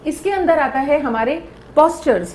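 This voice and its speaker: A woman's voice: high-pitched, expressive, takes it slowly, darkish tone, roomy sound, slight background noise. A woman giving a lecture, explaining step by step and often checking in with her listeners. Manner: explaining with repeated check-ins. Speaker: teacher.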